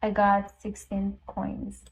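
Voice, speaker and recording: Speaking slowly and with a completely flat delivery, a woman at medium pitch guides viewers through an app on a screen recording, and the audio is poor. She's a language teacher whose first language is Persian, and her chatty explanation is full of ums and uhs.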